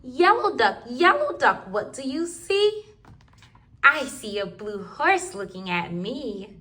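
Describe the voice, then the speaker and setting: A woman's voice: high-pitched, sing-song, takes it slowly, pushed and bright. A woman reading rhyming picture books aloud to toddlers in a sing-song, rhythmic way. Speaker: children's book reader.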